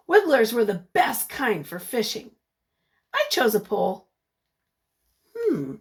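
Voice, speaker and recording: With a fairly high voice, a woman reads from a picture book the way a teacher would. She's expressive and encouraging, breaking off to ask the young audience questions.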